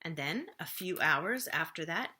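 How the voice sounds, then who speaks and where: Here a woman with a deep voice performs a children's story in a librarian's style. She's animated and expressive, dropping into slow, hushed phrasing and dramatic pauses whenever the tension rises.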